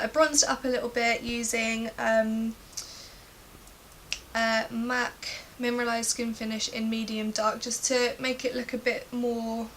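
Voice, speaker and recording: Female beauty vlogger, bright and slightly high voice, informal chat to camera, light hiss. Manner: chatty, informal. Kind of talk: casual makeup review to camera. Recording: faint background hiss.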